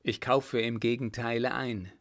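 A man voicing a confident young lieutenant in a calm, assured way, in a storybook reading. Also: mid-range voice, unhurried.

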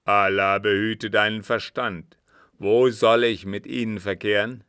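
A man's voice: on the low side, flat delivery, measured pace, sharp tone, clear, resonant tone, no echo, studio quality. A man voicing a cunning disguised agent who feigns innocence with emphatic protests, in an audiobook reading. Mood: indignant.

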